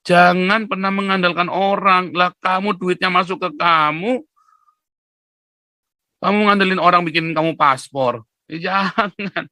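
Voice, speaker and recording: A man giving an animated, lecturing monologue to his viewers, often pushing his voice up toward a near-shout. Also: sits high, unhurried, dry recording. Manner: rhetorical tag questions. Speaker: YouTube commentator. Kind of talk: casual monologue.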